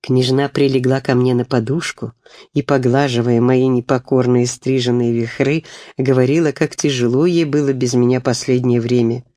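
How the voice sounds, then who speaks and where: A man narrating a story from a book in a gentle, expressive reading voice. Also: medium pitch, normal speed, dry recording, studio quality. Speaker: audiobook reader. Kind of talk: scripted narration.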